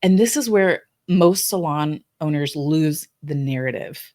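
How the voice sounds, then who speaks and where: A woman's voice: low voice, a little slow, darkish tone. A woman co-hosting a business podcast, talking casually with frequent "you know" fillers. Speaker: podcast co-host.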